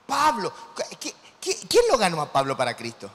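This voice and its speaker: A man with an Argentine Spanish accent preaching a sermon as a pastor, animated and quizzing his congregation. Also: high-pitched, moderate pace, a little hiss or hum. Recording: long hall reverb.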